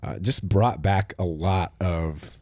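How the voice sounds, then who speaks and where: A pastor with a deep, low voice hosts a casual church podcast, speaking slowly in a relaxed, reflective manner. His phrases trail off softly, and the recording is close and dry with no room sound.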